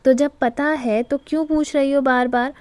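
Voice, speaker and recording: A cheeky middle-aged son-in-law, always joking and bantering with the family, as a woman narrator puts him on. The voice stays fairly high. It sounds dry and close, with no room around it. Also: steady tone, normal speed, darkish tone, no echo, lightly acted.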